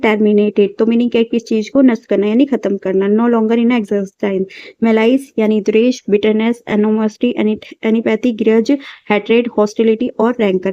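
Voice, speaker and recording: A woman teaching vocabulary for exam prep, reading synonym lists aloud with halting restarts. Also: a little high, warm tone, no echo. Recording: dull lo-fi sound.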